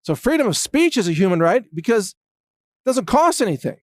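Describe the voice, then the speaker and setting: Sarcastic high-voiced male commentator. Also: sing-song, moderate pace, a little mellow, dry recording, clean studio sound. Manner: sarcastic, mocking. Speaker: host. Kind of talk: political commentary monologue.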